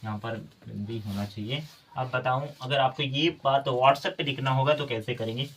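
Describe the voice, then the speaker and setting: A man's voice: mid-range voice, moderate pace, a bit bright. A man teaching a spelling lesson, spelling out letters one by one and explaining patiently. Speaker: English teacher.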